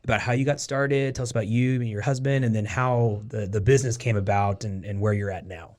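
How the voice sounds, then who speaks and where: A man from Oregon hosting a casual interview, chatty and encouraging, with lots of quick affirmations. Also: lowish voice, steady tone, a little mellow. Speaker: podcast host.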